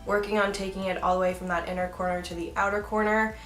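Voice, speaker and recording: A woman's voice: mid-range voice, little pitch movement, fast talker, fairly bright tone, reverberant, faint music behind. A young woman talking through a makeup tutorial in a chatty, giggly way with self-mocking asides. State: hiccups. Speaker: beauty vlogger.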